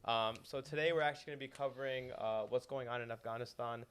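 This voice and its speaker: A man's voice: mid-range voice, fairly even intonation, fast, a bit bright, clean tone. A young man hosting a casual podcast, welcoming guests and moving the talk along. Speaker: podcast host.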